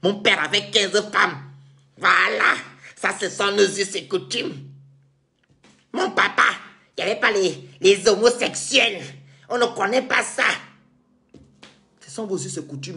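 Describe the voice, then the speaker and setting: A man's voice: high voice, gravelly, bright, forceful tone. Indignant, sarcastic man ranting. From Cameroon. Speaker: vlogger. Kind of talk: monologue commentary rant.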